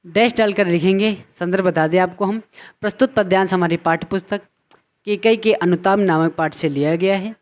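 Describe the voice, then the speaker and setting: A man teaching a poem to students, reciting verse slowly and then explaining it line by line, repeating phrases as he goes. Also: high-pitched.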